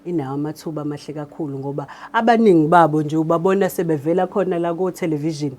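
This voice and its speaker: This woman talks rapid-fire in a low, darkish voice with a South African accent. She is a radio drama director explaining her work in an interview and moves back and forth between Zulu and English.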